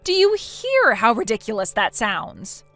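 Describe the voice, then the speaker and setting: This is a blunt female friend who scolds and lectures without softening anything. A text-to-speech woman reads her in a slightly high voice. Faint music plays underneath. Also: huge pitch swings, measured pace, no echo, heavily acted. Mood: scolding. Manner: stern, lecturing.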